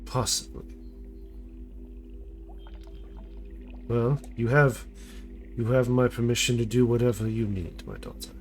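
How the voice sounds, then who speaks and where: An aloof, regal serpent demon queen, played by a man in a tabletop role-play. The serpent voice is formal and calculating, a mother addressing her child from on high. Music plays behind it. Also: steady tone, moderate pace, close to an everyday voice. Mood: cool, detached.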